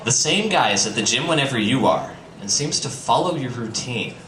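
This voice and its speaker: At a live bistro show with an audience, a man with a medium-pitched voice and lively intonation gives a theatrical comedic reading at moderate pace, adding dry, joking asides. Captured from a distance, the live stream is echoey and noisy.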